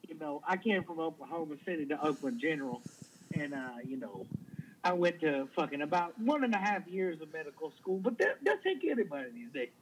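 A man's voice: fairly high pitch, sing-song, brisk, slight background noise. A man putting on a joking fake surgeon with a Southern US drawl in a prank phone call. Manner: laid-back, joking, chuckling nonsense. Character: silly male fake surgeon, laid-back.

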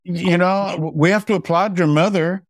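A man's voice: high-pitched, fairly even intonation, no echo. A man co-hosting an interview, speaking in an affirming, encouraging way. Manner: slow, affirming. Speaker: co-host. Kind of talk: interview conversation.

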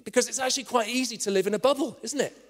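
A man preaching a sermon in an earnest manner, at times dropping to a hushed storytelling voice. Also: very high voice, rapid-fire. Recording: long reverb of a church hall.

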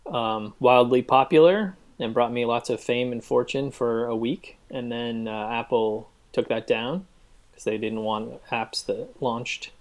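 A man chatting on a podcast as a guest, halting and full of ums and uhs, with a dry sense of humor, recorded in a cabin. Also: medium pitch. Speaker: guest app developer. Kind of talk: casual podcast chat.

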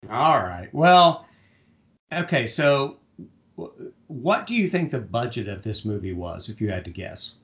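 Brief: male podcast co-host, mid pitch, dry teasing delivery, trivia quizmaster. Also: animated, unhurried, a bit bright, highs cut off. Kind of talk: casual film-review chat.

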